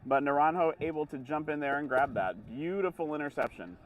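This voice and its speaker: A man's voice: on the high side, a little fast, distant mic, dull audio. A man giving explanatory live sports commentary in long, running sentences. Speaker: color commentator.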